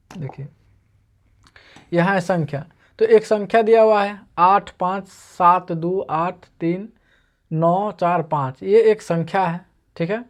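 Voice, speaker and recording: A man's voice: high-pitched, darkish tone. A man teaching an online math lesson, explaining patiently and going over each step again and again. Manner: patient, repetitive explaining, walking through steps.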